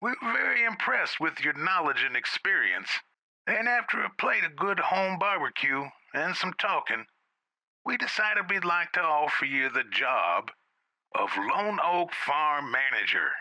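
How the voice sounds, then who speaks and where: A man's voice: a little high, big pitch swings, a little slow, sharp tone, no echo, heavily acted, rough recording. A man voicing a friendly male company director from the South, who leaves a drawling job offer as a voicemail heard over a landline phone. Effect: voicemail message heard over a landline phone.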